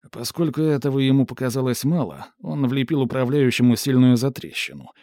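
A man narrating a novel in even, measured audiobook style. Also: mid-range voice, dry recording, studio quality.

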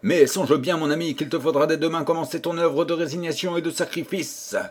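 A man reading a storybook aloud, voicing a gentle, kindly female fairy queen who speaks softly and tenderly. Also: a little high, steady tone, brisk, breathy edge. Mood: tender, coaxing. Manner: soft, tender, coaxing.

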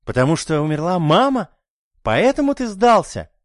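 Fervent mad young scientist, voiced by a man, scornful, raised pitch, lively swings, dry close sound. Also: moderate pace, no echo. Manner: fervent, scornful, rising to outbursts. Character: obsessed young male scientist chasing immortality.

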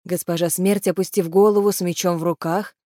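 A woman's voice: lowish voice, steady tone, fairly quick, warm tone, no room sound. Woman reading an audiobook, dry close sound. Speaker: audiobook reader. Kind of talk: audiobook narration.

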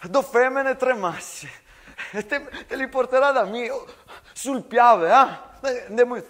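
A man's voice: very high voice, a little slow, a bit bright. Tonon, a man doing a desperate Venetian soldier. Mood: feverish. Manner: pleading, rambling, stammering reassurances. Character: young male soldier, rough, devoted, desperate friend. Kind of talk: stage monologue.

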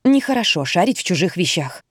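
A woman voicing a loud, shrill, jealous young mother in an audiobook, who scolds and squeals. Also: big pitch swings, fairly quick, slightly rough, dry recording, clean studio sound. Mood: curt.

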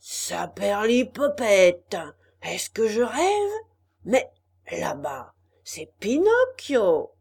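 A woman voicing a male puppet actor who declaims with theatrical, drawn-out shouting. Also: medium pitch, very animated, vocal fry, breathy edge, full character voice. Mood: dramatic.

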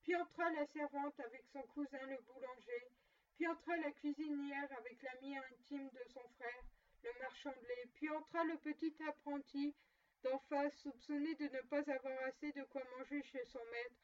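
A woman reading a classic tale aloud with steady, measured narration. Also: high-pitched. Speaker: reader. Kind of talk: storybook reading. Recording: dull distant lo-fi recording.

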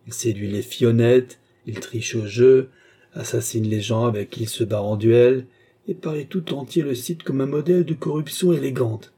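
A stern, implacable old soldier, performed by a man reading a novel aloud, speaking with contemptuous authority. The voice sits low and dark, with a husky grain. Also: normal speed. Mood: grim. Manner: harsh, commanding, contemptuous. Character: old vengeful former hussar servant, implacable.

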